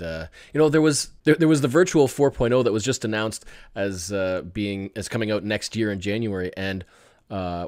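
A man hosting a hobby podcast, chatting in a relaxed, rambling way with filler words and small chuckles. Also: lowish voice, no echo, studio quality. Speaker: podcast host. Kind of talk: casual podcast chat.

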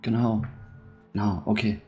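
A man playing an earnest, flustered priest in a tabletop game, halting and repeating his words. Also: fairly low pitch, steady tone, warm tone, faint music behind, natural voice. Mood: tentative. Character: earnest, flustered male sea-god priest, trapped and struggling.

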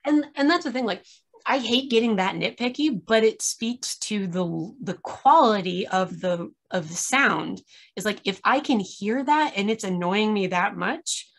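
Tired woman on a video call, candid and laughy, mid-pitched, griping about stuff. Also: expressive, a little slow. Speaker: podcast reviewer. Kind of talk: casual critical chat.

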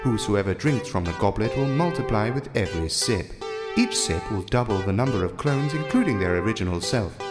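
A man's voice: lowish voice, lively intonation, fairly quick, natural voice. A man playing an automated information point in an audio drama, reciting formally like a recorded announcer. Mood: formal, informative. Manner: formal, declaiming. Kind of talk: scripted narration in audio drama. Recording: long reverb, loud guitar music behind.

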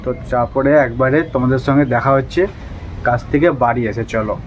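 A man's voice: medium pitch, steady tone, fast talker, a little hiss or hum. A young man from Bengal chatting casually to his viewers in a daily vlog. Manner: chatty, addresses viewers directly. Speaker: vlogger.

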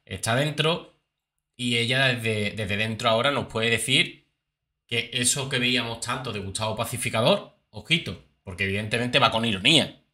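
A man's voice: mid-range voice, pushed and bright. A man giving chatty commentary on reality-show clips, with many fillers and repeats. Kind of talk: casual commentary.

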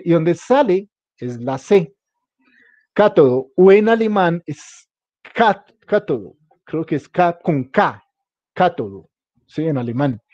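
A man's voice: high-pitched, warm tone, no room sound, muffled recording. A male teacher giving an informal class, who repeats his points, jokes around and keeps asking the students whether they follow. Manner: keeps checking in with the class, jokey and repetitive.

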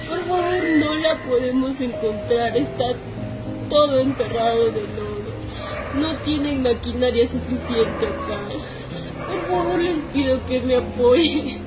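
A woman's voice: sits high, low-quality recording. A woman from Peru, the mother of a missing girl, crying and pleading for help at night outdoors by a river, her voice breaking as she repeats her requests. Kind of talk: tearful on-site plea to camera. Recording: music heavily mixed under.

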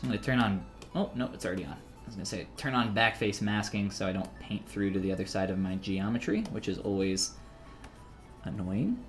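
A man's voice: on the low side, animated, a little fast, faint music behind. A man in his thirties, talking casually and joking while he teaches 3D sculpting on a live stream, reading chat messages aloud between steps.

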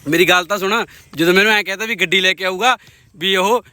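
A man's voice: high voice, quick pace, pushed and bright, dry recording. A young man, chatting casually as a vlogger and bantering with friends.

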